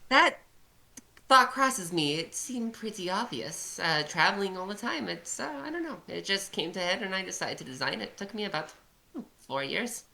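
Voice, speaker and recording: A woman's voice: medium pitch, very animated, moderate pace, vocal fry, pushed and bright, voice pushed up, heavily acted. A woman playing a modest, sincere inventor and woodworker in a tabletop fantasy game, hesitant as she finds her words.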